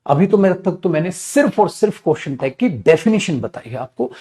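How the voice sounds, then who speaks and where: A male teacher giving a live online class. He speaks in a lively way, asks and answers his own questions, calls his students "beta", and slows down to spell out English example sentences. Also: sits high.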